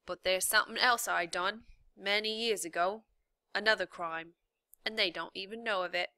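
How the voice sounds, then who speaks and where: Gruff male prisoner, rough blunt talk, loud, bright dry sound, woman putting him on. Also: medium pitch, fairly even intonation, moderate pace, no room sound. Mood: confiding. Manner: rough, blunt, louder delivery.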